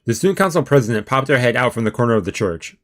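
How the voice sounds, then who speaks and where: Talking rapid-fire in an expressive, medium-pitched voice, a man streams himself playing a visual novel. He reads the story aloud and drops in slangy, offhand reactions along the way.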